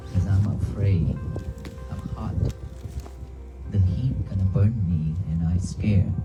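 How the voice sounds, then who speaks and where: A Buddhist monk whose first language is Vietnamese speaks to a crowd in short phrases, often stopping to ask them questions. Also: male voice, deep voice, rough recording. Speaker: Buddhist monk giving a talk. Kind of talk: dharma talk to a crowd. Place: outdoors by a church cemetery.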